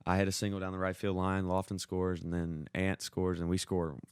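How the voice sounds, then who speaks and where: A young American podcast co-host tells sports stories in casual, slangy chat, leaning heavily on "like." His voice is low-pitched and monotone, brisk and clean, captured in a dry, clean studio recording.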